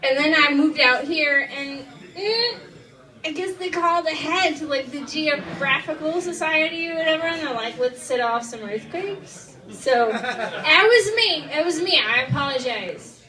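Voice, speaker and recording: A drunk woman with a high voice performs a rambling stand-up set on a comedy club stage at a moderate pace. She is loud and tipsy, talking loosely, swearing, and saying "like" a lot, with roomy club sound captured from a distance.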